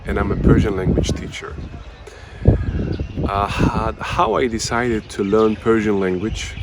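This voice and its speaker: A hesitant man from Uzbekistan, a language teacher and channel host whose first language is Russian, tells a personal story to camera with many fillers and restarts. His voice is lowish, fairly even, and a little slow, with heavy background noise.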